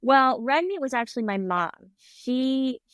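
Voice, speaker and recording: High-pitched, animated, and unhurried, a woman with a fairly bright tone is heard in clean, dry studio sound. The middle-aged restaurant owner, whose first language is English, chats as a guest in a casual interview, telling stories, laughing frequently, and performing the voices she quotes.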